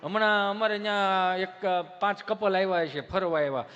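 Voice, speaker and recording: A high-pitched man with a Kathiawadi Gujarati accent works a live stand-up crowd in a bright, ringing voice. He spins folksy stories and keeps turning to the audience with punchy rhetorical asides. The sound is a little dull, with faint hiss. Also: fairly even intonation, moderate pace. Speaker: stand-up comedian.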